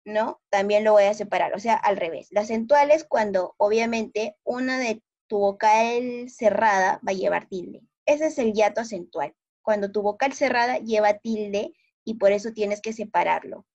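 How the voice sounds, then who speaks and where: A woman's voice: mid-range voice, normal speed, a little mellow. A woman teacher with a Peruvian Spanish accent explaining a grammar lesson patiently to primary pupils, checking often that they understand. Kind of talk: online class explanation. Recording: dull lo-fi sound.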